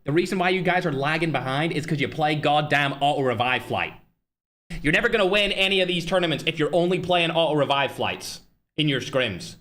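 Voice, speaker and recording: A Northern Irish man, a livestream host who also organizes tournaments, chats brashly and casually straight to his viewers, full of asides and trash talk. His voice sits high with a sharp tone, and his talk flows fast.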